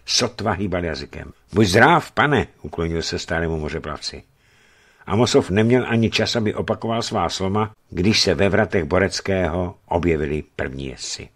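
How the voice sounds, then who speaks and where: A man narrating a novel in a steady, scripted reading. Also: low-pitched. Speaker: reader.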